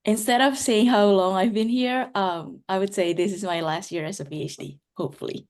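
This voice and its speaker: A woman's voice: mid-range voice, steady tone, fairly quick, darkish tone. A woman from Indonesia, a PhD candidate on a student panel, introducing herself in an upbeat, lightly joking way.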